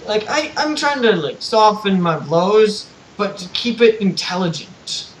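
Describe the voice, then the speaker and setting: A young co-host on a live stream chats loosely and swears freely, restarting his sentences often. His voice sits high and is very animated, in a rough recording with a little hiss or hum.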